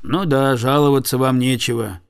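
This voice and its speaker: A man voicing a stern, gruff farmer in a storybook reading. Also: mid-range voice, fairly even intonation, normal speed, close to an everyday voice. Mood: grumbling. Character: stern, grumbling older farmer.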